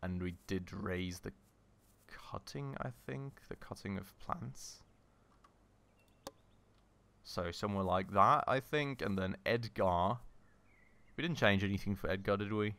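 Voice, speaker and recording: A man hosting a let's-play, thinking aloud with many fillers and self-corrections, his voice slightly husky from a recent illness. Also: fairly low pitch, unhurried, pauses often, a bit bright. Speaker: gaming channel host. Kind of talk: casual let's-play commentary.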